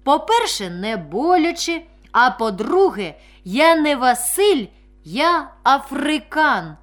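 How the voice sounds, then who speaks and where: A woman voicing a lively, cheeky schoolboy who speaks eagerly, with slow and emphatic delivery, in a storybook reading. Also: high-pitched, exaggerated voice.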